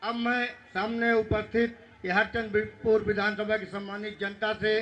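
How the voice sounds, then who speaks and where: A man's voice: high-pitched, little pitch movement, a little slow, fairly bright tone, muffled recording. Formal male stage announcer. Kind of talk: formal introductions.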